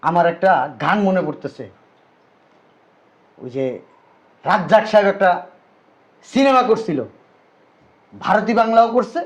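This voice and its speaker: A man's voice: high voice, measured pace, long pauses, dull audio. A man with a Bangladeshi Bengali accent playing a furious brother back from twenty years abroad, scolding with angry rhetorical questions. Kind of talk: amateur short drama acting.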